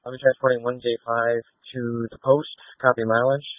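A man's voice: medium pitch, flat delivery, moderate pace, no room sound. A man, a police officer, checking in with terse radio codes over a police radio. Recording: narrow-band dry radio transmission.

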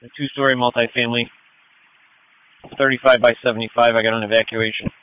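A man acting as fire commander on a two-way radio. He talks fast in a forceful, sharp voice. His reports are terse, clipped and procedural. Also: mid-range voice, flat delivery, poor audio.

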